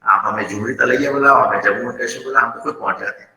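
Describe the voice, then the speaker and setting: A man's voice: mid-range voice, racing, sharp tone. A man with an Indian accent gives feedback to his students on an online class, switching between Hindi and English and calling them beta. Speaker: faculty moderator. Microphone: video call. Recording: roomy video call audio.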